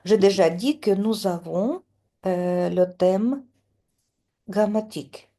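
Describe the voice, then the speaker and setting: Middle-aged woman, French teacher, slow and mellow, expressive line-by-line reading. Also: medium pitch. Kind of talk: reading a poem aloud line by line with translation.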